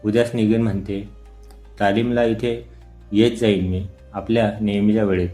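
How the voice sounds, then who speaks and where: A man reading the lines of a cheerful young woman in an audio story, in his own plain, even voice. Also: fairly low pitch, normal speed, faint music behind, lightly acted.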